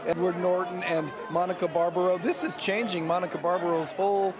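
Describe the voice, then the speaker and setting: A man's voice: high voice, steady tone, fairly quick. A man hosting live on a red carpet, interviewing guests in an upbeat presenter style. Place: outdoor red carpet at an awards event. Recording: busy outdoor crowd, music behind.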